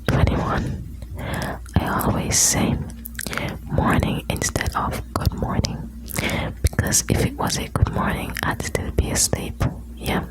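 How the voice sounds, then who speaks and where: A woman whispering close to the ear in an intimate, soothing ASMR style, reading out short lines and chatting softly to the listener. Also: takes it slowly, poor audio. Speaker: ASMR host reading quotes.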